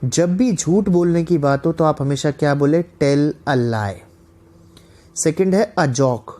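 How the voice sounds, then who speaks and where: A male teacher talks through an online lesson at an unhurried pace. His voice is mellow and soft-edged. He reads each example slowly and clearly, then checks in with the class again and again. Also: fairly high pitch. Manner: reads English examples slowly and deliberately, often asks "guys, got the point?". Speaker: English teacher.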